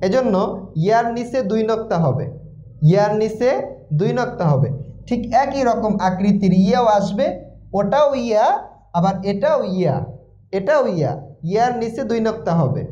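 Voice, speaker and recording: A man teaching Quran letters in a slow recitation lesson, with a Bangladeshi Bengali accent, repeating each letter sound many times. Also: high voice, sing-song, warm tone. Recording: roomy, dull lo-fi sound.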